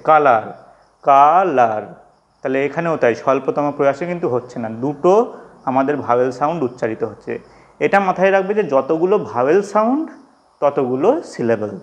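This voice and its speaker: A man teaching English, explaining slowly and patiently, repeating and stretching out the example words. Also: mid-range voice. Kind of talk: classroom-style explanation.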